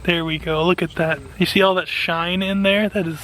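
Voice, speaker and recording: A man's voice: high-pitched, flat delivery, moderate pace, a bit bright, low-quality recording. An enthusiastic man giving casual hands-on commentary as a gardening vlogger.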